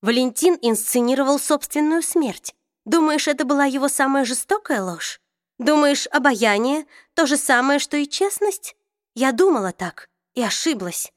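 A woman's voice: high voice, animated, moderate pace, no room sound, clean studio sound, pitched above the performer's own voice. A woman reading an audiobook, voicing a bitter, proud middle-aged woman who accuses and argues intensely. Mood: bitter, heated.

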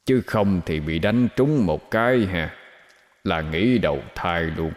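A man voicing a greedy male water ghost that grumbles to itself in a hushed mutter. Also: deep voice, lively intonation, takes it slowly, big-room sound. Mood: grumbling mutter.

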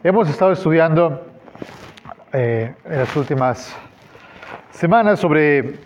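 A man pastor giving a sermon in a conversational way, pausing with fillers and acting out the quoted words. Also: on the high side, animated, slight background noise.

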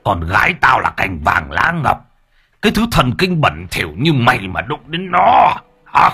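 A man's voice: deep voice, wildly swooping pitch, moderate pace, vocal fry, sharp tone, husky, heavily acted. A man voicing a cruel old male village elder who barks threats and curses. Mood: furious.

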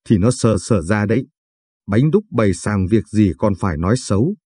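A man voicing a blunt, shy peasant man who talks in a rough, grumbling way, in a storybook reading. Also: on the low side, animated, moderate pace, warm tone, no echo. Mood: gruff.

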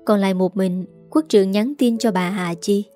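A woman's voice: medium pitch, moderate pace, warm tone, soft background music. A woman reading a serialized drama story aloud, voicing every character in her own voice. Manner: reads every character herself with small voice shifts.

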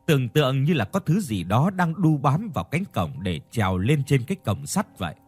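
A man reading a first-person ghost story aloud, in a slow, suspenseful way. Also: medium pitch, very animated, a little mellow, breathy edge, faint music behind. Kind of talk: scripted ghost story narration.

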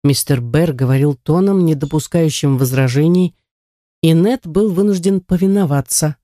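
An audiobook narrator reading steadily and expressively in a warm, dark tone. The voice sits at a middle pitch, recorded on a close studio mic in a dry room. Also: moderate pace, no room sound.

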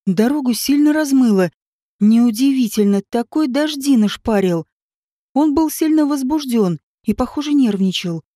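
High-voiced woman narrating a novel. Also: moderate pace, no room sound, studio quality. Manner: steady storytelling. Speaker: audiobook narrator. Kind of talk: scripted narration.

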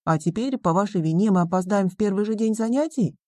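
A woman's voice: medium pitch, fast, mellow, dry recording, lightly acted. A woman reading the part of an indignant schoolboy challenging an adult.

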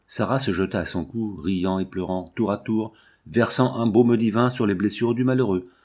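A man narrating a classic novel as an audiobook, calm and measured. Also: lowish voice. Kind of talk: audiobook reading.

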